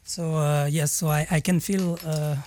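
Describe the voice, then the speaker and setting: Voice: mid-range voice, little pitch movement, a little slow, darkish tone. A guest from Senegal who grew up speaking recounts their background hesitantly, with many fillers and restarts. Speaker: panel guest. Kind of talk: conversational personal account.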